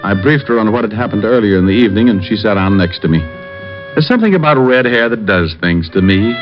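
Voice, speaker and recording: Fast, expressive and natural-sounding, a fairly low male voice narrates with wry humor as a hardboiled, wisecracking private detective working his case, in the manner of old radio drama. Faint music runs under a dull vintage recording.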